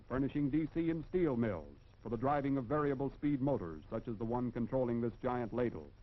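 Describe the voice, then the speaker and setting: An American man narrates in the style of a 1940s educational industrial film. His delivery is formal and instructive, with measured emphasis at a medium pitch. The sound is that of a dull, band-limited old film soundtrack.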